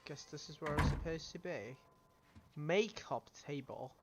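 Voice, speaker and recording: A chatty male streamer giving casual commentary as he plays a game. He keeps ending remarks with a questioning "yeah?" in a slightly high voice. A clear hiss runs through his recording. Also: unhurried. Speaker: gaming streamer. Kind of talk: casual let's-play commentary. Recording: noisy home recording.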